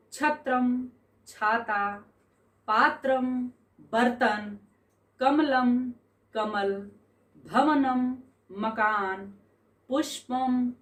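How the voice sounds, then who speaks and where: A woman teacher explaining a school language lesson, spelling out words sound by sound in a slow, deliberate way. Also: on the high side, echoey room, far from the mic. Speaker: Sanskrit teacher.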